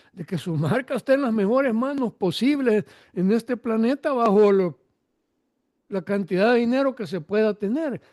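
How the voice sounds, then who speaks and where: A male interviewer with a high voice and a soft, dark tone chats casually with his guest. His sentences wander loosely as he thinks aloud. The sound is close and dry, with no room echo.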